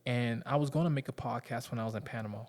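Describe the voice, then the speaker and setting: A man's voice: mid-range voice, fast talker, darkish tone. A man in his thirties with a Southern US accent, talking candidly and rambling to his viewers in slangy casual speech. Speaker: vlogger.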